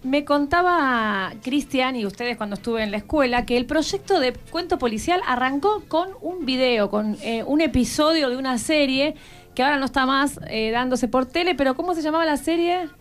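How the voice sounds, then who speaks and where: A woman's voice: sits high, moderate pace, soft background music. A woman, hosting a live radio show and coaxing schoolchildren with short, encouraging questions. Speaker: radio host.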